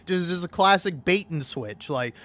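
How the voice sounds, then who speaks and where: A man's voice: high-pitched, lively intonation, normal speed, bright, forceful tone. A man streaming a game, chatting casually in a rambling way, chuckling and eating as he talks. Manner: rambling, chuckling, restarts a lot. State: eating while talking. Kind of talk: casual gaming chat.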